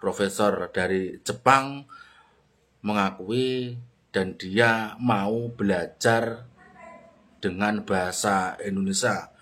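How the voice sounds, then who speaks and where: A man with a fairly low, husky voice comments off the cuff on a video. He talks very slowly and tends to repeat himself with small filler words. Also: fairly bright tone. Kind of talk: unscripted reaction commentary.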